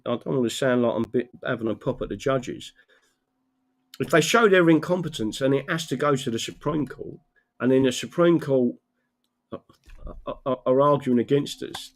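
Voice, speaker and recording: A man talking off the cuff to his viewers as a livestream host, rambling and emphatic, often checking he is followed with a tagged question. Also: mid-range voice.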